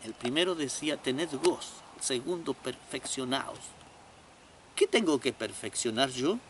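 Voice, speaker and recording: A man preaching a comedic sermon in an animated, folksy, joking way. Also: medium pitch, normal speed, a little hiss or hum.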